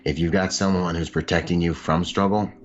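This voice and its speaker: A man's voice: sits low, steady tone, fairly quick, lo-fi sound, noisy background. A man telling personal stories as a podcast guest, rambling with lots of filler words and easy laughter. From United States. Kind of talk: candid personal storytelling.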